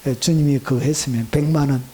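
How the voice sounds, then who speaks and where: A middle-aged male pastor delivering a sermon, swinging between loud, excited exclamations and hushed asides to the congregation. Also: medium pitch, fast talker.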